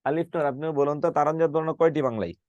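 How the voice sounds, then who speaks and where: A man's voice: fairly high pitch, racing, a little mellow, dry recording, highs cut off. A middle-aged man, a teacher, giving an online lecture on Bengali phonetics, saying letters aloud and putting questions to his students. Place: online class, live with students.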